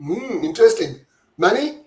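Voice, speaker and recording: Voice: mid-range voice, very animated, normal speed, darkish tone, roomy sound, recorded from a distance, rough recording. A host who asks the guests brief, prompting questions in an interview.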